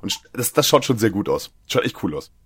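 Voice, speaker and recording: A man's voice: lowish voice, sing-song, brisk, fairly bright tone, slightly rough, no room sound, clean studio sound. A man co-hosting a podcast, casually retelling a film's plot and briefly acting out the characters' lines amid filler words. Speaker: podcast co-host. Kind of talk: casual film recap.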